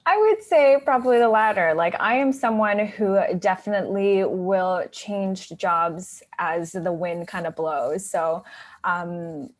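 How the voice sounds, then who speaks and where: A woman in her thirties, a guest consultant talking casually in an interview, with lots of "like" and "you know". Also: medium pitch. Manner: chatty, many "like" and "you know" fillers.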